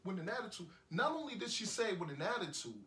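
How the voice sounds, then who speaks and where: A man's voice: high-pitched, sing-song, quick pace, bright, forceful tone, exaggerated voice. An actor with a New York accent playing a heartbroken young man who rambles bitterly and repeats himself in an indie film monologue. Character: heartbroken young man ranting after breakup. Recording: echoey room, voice from a distance.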